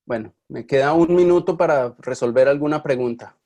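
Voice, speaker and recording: A man's voice: medium pitch, fairly quick, warm tone. A man teaching an online university class, lecturing casually and often checking in with his students. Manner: chatty, checks in with frequent questions. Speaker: university Spanish linguistics teacher.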